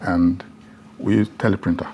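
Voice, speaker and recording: An older man from Benin in Nigeria, a broadcast journalist, reminiscing in a relaxed conversation and sometimes repeating words as he starts. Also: deep voice, normal speed, a little hiss or hum.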